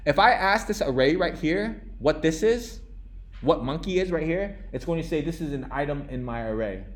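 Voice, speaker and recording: This young coding instructor from the United States has a slightly high, expressive voice and speaks at a moderate pace. Leading a live classroom coding lesson, he keeps it casual, with frequent restarts and little checks like "right?" and "okay?"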